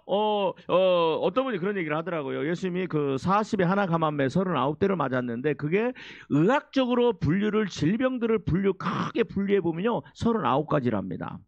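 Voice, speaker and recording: Pastor guy preaching, really high voice that jumps all over, keeps getting the crowd to repeat after him. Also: big pitch swings, brisk, a bit bright, no room sound, muffled recording. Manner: exhorting, prompts the congregation to repeat and answer. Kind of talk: sermon with call-and-response.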